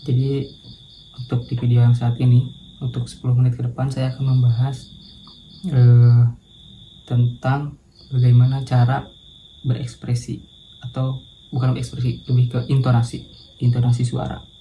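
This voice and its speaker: Man, casual vlog monologue, hesitant, self-correcting, crickets chirping loudly behind. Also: medium pitch, monotone, moderate pace, long pauses, dull audio, slight background noise. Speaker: vlogger doing a speaking challenge. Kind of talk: casual practice monologue to camera.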